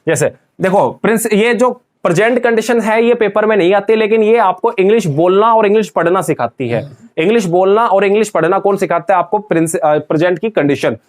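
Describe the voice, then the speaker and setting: Repeatedly posing a question and then answering it himself, a man drills his students through an English grammar lesson. His voice is notably high, and he speaks fairly quickly.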